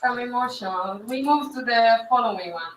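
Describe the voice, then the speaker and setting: A woman's voice: on the high side, moderate pace, slight background noise. A woman with as her language hosting a live-streamed awards ceremony, speaking hesitantly with repeated words. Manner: hesitant, repeats words, non-native phrasing. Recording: echoey hall from far off.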